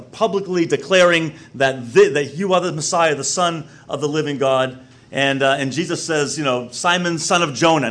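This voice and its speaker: A middle-aged man preaching a conversational sermon. He rambles with many restarts and fillers and grows louder and more urgent when he exhorts. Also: a little high.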